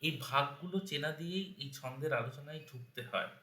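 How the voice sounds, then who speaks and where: A man's voice: a little high, fairly quick, pushed and bright, reverberant. A man giving a spoken lesson on verse meter, patiently breaking words into syllables one by one. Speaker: teacher of Bengali verse meter.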